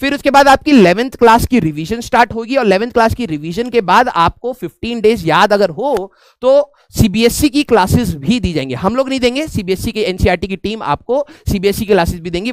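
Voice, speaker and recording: Indian man, physics teacher, very high voice, smooth and close, chatty online lecture. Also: dry recording. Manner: chatty and joking, checks in with students often. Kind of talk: online class lecture in mixed Hindi and English.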